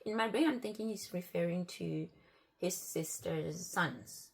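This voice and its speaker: A woman's voice: fairly low pitch, a little slow, gravelly, breathy edge. A woman telling a personal story in a casual, chatty way, often replaying conversations with "I'm like" and "he's like.". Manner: repeats and restarts phrases as she talks.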